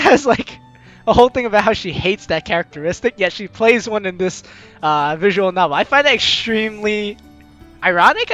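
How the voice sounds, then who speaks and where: This young gaming video host reads out game text and remarks on it, her bright voice ranging widely in pitch with a theatrical, teasing manner. Faint music sits beneath her, and the highs in the audio are cut off.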